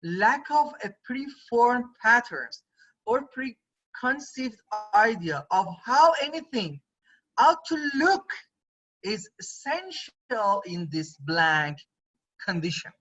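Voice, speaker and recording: A man's voice: extremely high pitch, very animated, slow, sharp tone. A man teaching a university photography class online, lecturing in a conversational way and often checking in with his students. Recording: dull lo-fi recording.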